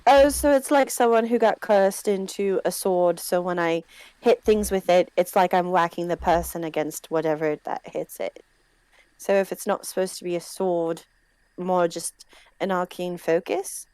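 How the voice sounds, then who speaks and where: A woman's voice: on the low side, moderate pace, darkish tone, smooth, no echo, rough recording. A woman playing a tabletop game, thinking aloud and asking questions. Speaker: player. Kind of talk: casual game chat.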